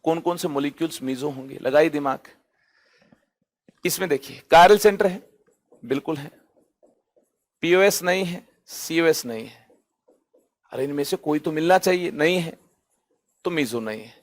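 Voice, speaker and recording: A male chemistry teacher with a fairly high voice, lecturing to an online class. He keeps asking questions and answering them himself, and he swings up and down to stress each point. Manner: rhetorical questions answered himself, lively rises and drops; drawn-out emphasis on key terms.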